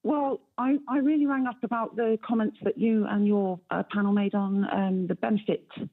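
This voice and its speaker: A woman's voice: mid-range voice, steady tone, normal speed. A woman from Cornwall calling into a radio show over the phone, insistent and interrupting, full of restarts. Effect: phone-line caller. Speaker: caller. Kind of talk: call-in radio debate. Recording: tinny phone line, husky.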